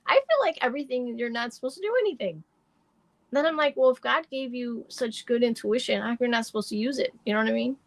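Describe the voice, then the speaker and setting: This middle-aged woman talks fast as she gives live astrology and tarot readings, chatting and rambling with many fillers. Her voice is a bit hoarse and deepened, and the recording is dry.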